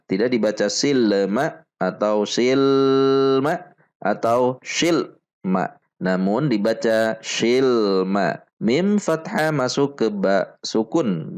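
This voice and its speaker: A man teaching Quran recitation rules step by step, slowly repeating each syllable for drill. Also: darkish tone. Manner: chants the Arabic verses in a higher, fuller voice. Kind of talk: slow step-by-step tajwid lesson.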